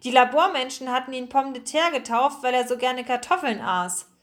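A woman's voice: high voice, moderate pace, a bit bright. A woman voicing a small lab animal of unclear sex, a dreamy fan who talks wistfully and recites theatrically.

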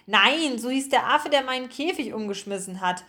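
A dreamy little storybook lab animal, voiced by a woman reading aloud, wistful and given to theatrical recitation. The voice sits fairly high. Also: animated, moderate pace, sharp tone.

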